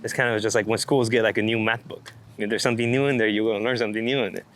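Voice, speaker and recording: Rapid-fire and steady, the man's lowish voice has a fairly bright tone. The street and landscape photographer rambles with gusto through a casual, unscripted interview, his speech slangy and heavy on profanity. It's recorded outdoors, with clear background noise and ambience.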